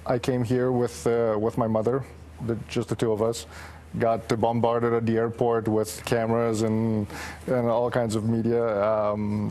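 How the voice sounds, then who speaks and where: A man in his forties from Romania, a guest on a morning TV show, speaking earnestly with frequent pauses. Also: mid-range voice, a little hiss or hum. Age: 40s. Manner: steady, earnest, many pauses with um. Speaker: guest, former patient. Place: TV studio set.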